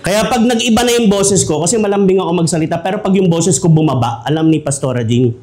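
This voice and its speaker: A man's voice: high voice, fast, very noisy. A man from the Philippines preaching a humorous sermon as pastor, joking and conversational, laughing often.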